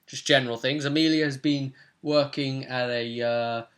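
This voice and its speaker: A young man who hosts a vidcast and works as a game master casually recaps a tabletop roleplay session from a small room at home. His voice is medium in pitch, steady, fairly bright, and moderately paced.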